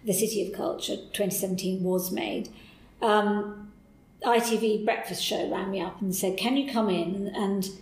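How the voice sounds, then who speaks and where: A middle-aged woman telling her story with lively enthusiasm, often laughing and restarting her sentences. Her voice sits at a moderate pitch. It carries a noticeable roomy echo around it. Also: moderate pace. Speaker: interview guest. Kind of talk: candid conversational storytelling.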